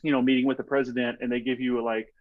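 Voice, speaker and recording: A man's voice: mid-range voice, level tone, fast talker, no echo, phone-quality sound. A man from Texas, a strength coach guest on a podcast, telling stories in a casual, rambling way full of "like" and "you know".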